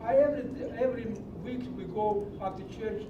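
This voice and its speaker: Speaking a little fast, a middle-aged man from Greece makes an impassioned, preachy public comment in broken English at a county meeting, and the audio sounds dull. The recording is echoey and distant, with a low rumble in the large meeting hall.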